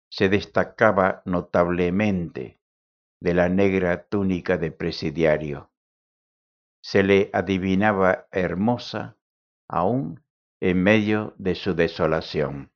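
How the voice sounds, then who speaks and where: A man narrating an audiobook in a measured, deliberate way. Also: sits low. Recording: dull lo-fi recording.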